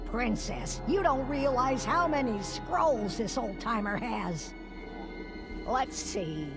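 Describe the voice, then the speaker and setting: A woman's voice: fairly high pitch, expressive, takes it slowly. An actress voicing an impatient, sarcastic young troll woman in a video game. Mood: grumbling. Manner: grumbling, sarcastic. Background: game music.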